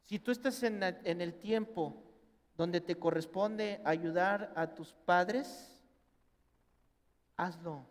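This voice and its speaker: A middle-aged man with a Mexican accent preaching a sermon as pastor, animated and acting out family members in quoted voices. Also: high-pitched, takes it slowly, pauses often. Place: church hall. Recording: long reverb in a church hall.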